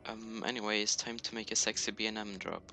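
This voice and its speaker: A Norwegian YouTuber speaks English as a second language with a Norwegian accent, casually narrating a screen recording of his video game build with joking, self-deprecating asides. His lowish voice is steady, fast, creaky, and sharp in tone, captured on a poor home computer mic with soft background music.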